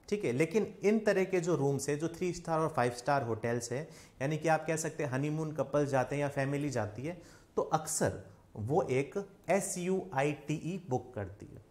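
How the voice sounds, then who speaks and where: Male English tutor, Indian accent, young adult, a bit high-pitched, online lesson style, keeps asking the viewer questions. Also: expressive, normal speed, a little mellow. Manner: quizzing the viewer with repeated questions. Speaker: English teacher.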